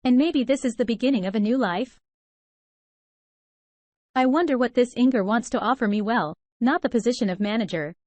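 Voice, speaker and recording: A woman reading a first-person story aloud in an even, steady manner without fillers. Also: fairly high pitch, moderate pace, long pauses, no room sound. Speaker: story narrator.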